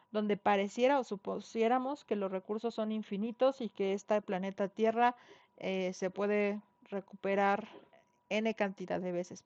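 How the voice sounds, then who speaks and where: Lecturing online in a chatty style full of fillers and tag questions, this middle-aged Mexican woman from Xochimilco, Mexico City, has a medium-pitched, slightly mellow voice and a Mexican Spanish accent. The recording is dry, with the dull, dry sound of an online class.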